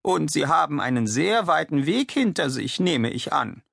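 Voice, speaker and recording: A man voicing a polite old woman who questions her guest courteously, with loud music behind. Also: on the high side, big pitch swings, moderate pace, creaky, breathy edge, dry recording, clean studio sound, voice pushed up, exaggerated voice. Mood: polite curious.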